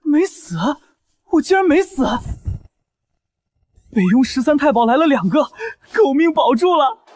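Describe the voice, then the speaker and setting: An actor playing an excitable, nervy young martial-arts fighter in a fantasy drama. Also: male voice, very high-pitched, fast talker, dry recording, full character voice. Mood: relieved, amazed.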